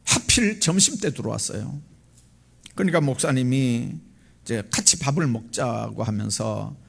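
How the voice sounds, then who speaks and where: A man who is a pastor, preaching a sermon in a church with impassioned swells and emotional emphasis. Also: vocal fry. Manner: impassioned preaching with big swells in pitch and volume. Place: church sanctuary.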